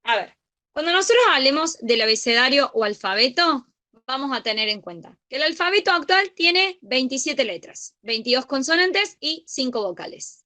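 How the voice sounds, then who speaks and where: A woman's voice: high voice, lively intonation, normal speed, sharp tone. A young woman with a Rioplatense accent teaching an online grammar study group, patient and checking understanding often. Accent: Rioplatense Spanish.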